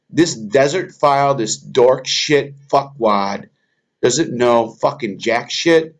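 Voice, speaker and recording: A man giving an angry, profane rant as he reacts to video clips, heated and contemptuous. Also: mid-range voice.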